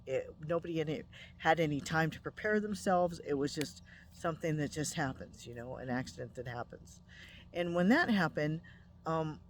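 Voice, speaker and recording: A woman's voice: low voice, a little hiss or hum. A middle-aged woman speaks straight to her viewers, recounting a personal experience. Her delivery is loose and chatty, with plenty of ums and small restarts. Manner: conversational, with frequent ums and restarts. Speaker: spiritual channel host. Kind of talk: casual personal storytelling.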